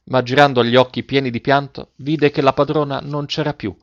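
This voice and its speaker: A man narrating a story in a measured, dramatic reading style. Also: mid-range voice, fairly even intonation, dry recording, lo-fi sound.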